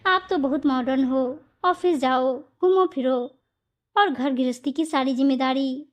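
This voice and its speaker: A woman voicing a talkative, sharp-tongued sister-in-law in a storybook tale, with a mocking, taunting manner. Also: high voice, measured pace.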